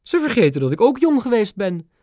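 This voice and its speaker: A stern old queen and grandmother, raised high and speaking in crisp staccato bursts, as a male audiobook reader puts her on. Her voice swings widely, and the recording is dry and close. She sounds regal and a little severe. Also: big pitch swings, fairly quick, darkish tone, no room sound, exaggerated voice. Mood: stately. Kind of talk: audiobook character voice.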